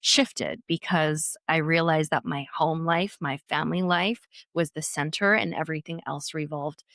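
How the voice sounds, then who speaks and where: Host, woman, 30s, low-ish and thoughtful, restarts often; dry studio sound. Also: fairly even intonation, normal speed, creaky, a bit bright, no room sound. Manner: reflective, with frequent restarts. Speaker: podcast host, former news anchor. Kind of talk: conversational interview.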